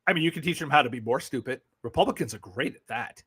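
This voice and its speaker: With a medium-pitched, husky, fairly bright voice, lively intonation and a fast delivery, a man from Brooklyn hosts a political livestream. He has a New York accent and chats casually, blunt and sarcastic, cursing freely and laughing often.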